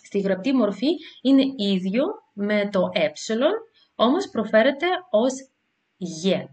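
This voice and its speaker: A woman teacher giving a beginner language lesson, explaining slowly and carefully with frequent hesitations and sounding out example letters and words. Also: mid-range voice, a little mellow.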